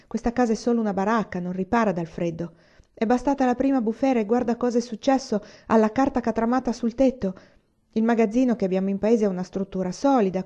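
Padre pioniere preoccupato e protettivo, letto da una donna; tono serio, registrazione un po' spenta. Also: male voice, high-pitched, warm tone. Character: worried pioneer father, steady and protective. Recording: slightly dull lo-fi recording.

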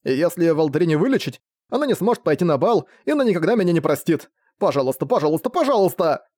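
A man's voice: on the high side, expressive, fast, darkish tone, dry recording, pitched above the performer's own voice, close to an everyday voice. A pushy young man pleads and wheedles in a whiny, raised voice, as a male storyteller puts him on. He sounds like an audiobook character, read in a dry, close setting. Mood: pleading.

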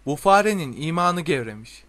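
A man's voice: a little high, animated, normal speed, bright, forceful tone, no room sound. Curt witch running a shop, a guy doing her, no nonsense. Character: brisk middle-aged female shopkeeper witch.

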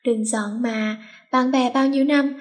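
A woman's voice: high-pitched, fairly even intonation, measured pace. A woman voicing a teenage schoolgirl best friend who scolds, fusses and wheedles. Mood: fussy.

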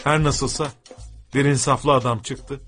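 A man telling a humorous story aloud in a lively, dramatic manner. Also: medium pitch, measured pace, soft background music.

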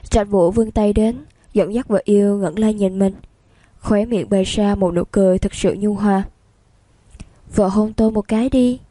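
A woman narrates a romance novel with steady, even storytelling. Her voice is mellow and warm, mid-pitched, and recorded dry and close with no room sound. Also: moderate pace, no echo.

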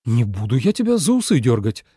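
A man's voice: medium pitch, very animated, brisk, warm tone, slightly rough, no echo, studio quality. A man voicing a touchy, prim young female fox demon in a storybook reading, speaking reproachfully. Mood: indignant. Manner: reproachful, indignant.

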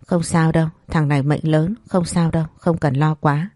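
A woman voicing a calm, gentle old grandmother who soothes her granddaughter. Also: sits low, normal speed, no room sound, studio quality, lightly acted. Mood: soothing.

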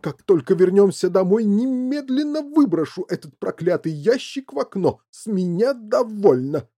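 A gloomy, irritable father, as the audiobook's reader voices him, grumbling in a dark, mellow tone. He is raised and a touch higher than the narration, with a lively lilt. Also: moderate pace, husky. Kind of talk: audiobook character reading.

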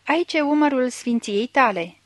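A woman's voice: high voice, lively intonation, no echo, pitched above the performer's own voice. Woman voicing a pleading blind old beggar. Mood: fervent. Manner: fervent, cries out in anguish.

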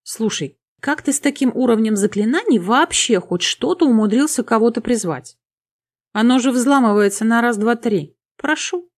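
A woman's voice: a little high, expressive, moderate pace. A woman voicing a sly male archmage who speaks with wry, smirking ease. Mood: breezy.

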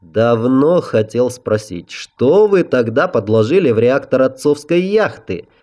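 Man voicing a smiling, quietly menacing emperor. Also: mid-range voice, lively intonation, unhurried, voice pushed up, natural voice. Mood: silky menace. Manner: friendly on the surface, menacing.

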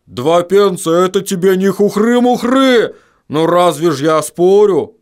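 A stingy dwarf, as a male narrator puts him on, grumbles and mutters with little pauses. The voice is raised a bit above the reader's own, in a clean audiobook recording. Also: high-pitched, animated, darkish tone, pitched above the performer's own voice. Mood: grumbling.

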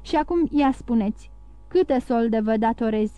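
A woman voicing a dignified, grieving older shipowner who speaks gently and formally in a storybook reading. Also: on the high side, smooth, no room sound, lo-fi sound, close to an everyday voice. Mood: sadly grateful.

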